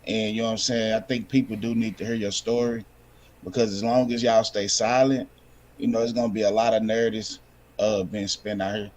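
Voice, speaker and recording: A man's voice: fairly low pitch, little pitch movement, fairly quick, darkish tone. A man calling in to a live interview, friendly and laid-back, giving support. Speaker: caller. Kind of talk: call-in comment.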